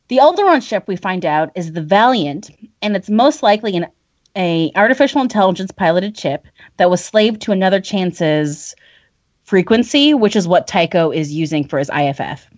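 A woman hosts a podcast, recapping the plot in a casual, animated way. Her pitch swings widely as she talks. The recording is dry and a bit muffled. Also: dry recording. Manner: animated recap, laughs often. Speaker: podcast host summarizing a book. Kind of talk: casual chat.

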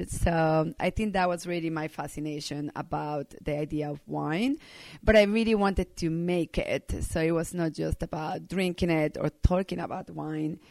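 A woman's voice: deep voice, a little mellow, no room sound. A middle-aged woman from Colombia, a native Spanish speaker, talking earnestly as an interview guest, with many ums and uhs. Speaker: winemaker guest. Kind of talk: casual interview talk.

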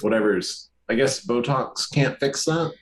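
A man's voice: mid-range voice, unhurried, slight background noise. A man, the podcast's producer, chiming in with short wry reactions in casual chat.

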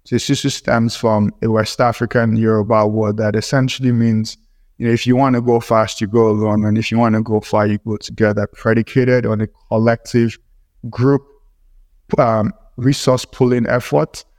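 Earnest male founder, very even pitch. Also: normal speed, no room sound. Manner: earnest, formal wording with aphorisms. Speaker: startup co-founder, guest. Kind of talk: explanatory interview answer.

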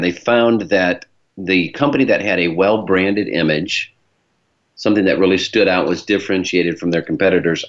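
Man, Great Lakes Michigan accent, low-pitched, chatty show host, explanatory, slightly muffled recording. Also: fairly bright tone. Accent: Michigan, Great Lakes American. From Michigan, United States. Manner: chatty, explanatory, addresses listeners directly. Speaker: podcast host, branding professional. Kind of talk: conversational show hosting.

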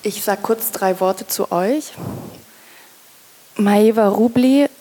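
A woman moderating a book reading in a museum, introducing the two authors in a friendly, slightly halting way. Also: mid-range voice, mellow. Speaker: event moderator. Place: museum event space.

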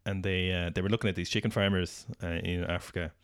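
A man's voice: low-pitched, little pitch movement, clean tone, dry recording, studio quality. A man co-hosting a podcast, chatting casually and rambling with lots of fillers. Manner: rambling, quick, many fillers. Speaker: podcast co-host. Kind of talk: casual chat.

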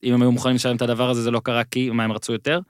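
A man's voice: mid-range voice, monotone, clean tone, no room sound, clean studio sound. A man co-hosting a podcast, probing the guest with follow-up questions in casual chat. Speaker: podcast co-host.

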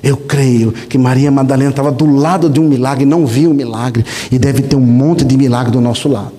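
A male pastor preaching a sermon, telling stories in an animated, conversational way and often tagging lines with a questioning aside. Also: mid-range voice, a little fast. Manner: animated, conversational, frequent rhetorical "né?". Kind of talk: sermon with storytelling. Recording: long hall reverb.

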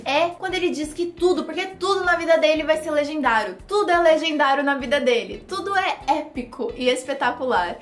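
A woman teaching English phrases as a language lesson, lively and drilling lines for the listener to repeat, a Portuguese speaker. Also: high-pitched. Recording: roomy echo with faint music.

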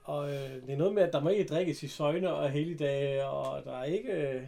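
A man's voice: on the high side, vocal fry, warm tone. A man in casual conversation, eagerly retelling TV scenes and quoting characters, swearing offhandedly. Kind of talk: casual chat retelling TV episodes.

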